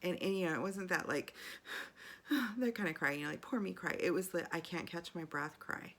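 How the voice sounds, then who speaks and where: A woman's voice: lowish voice, fast talker, a bit bright. A middle-aged woman speaking candidly and from the heart in a personal video diary, often restarting her sentences. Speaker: video journal host.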